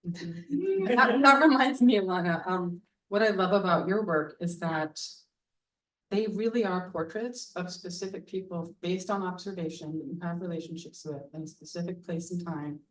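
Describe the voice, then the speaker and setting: At an event, a woman artist hosts a relaxed public talk in a lowish, fairly bright voice at normal speed. Plenty of ums mark her hesitant delivery, though her enthusiasm is obvious. The mic picks her up from a distance.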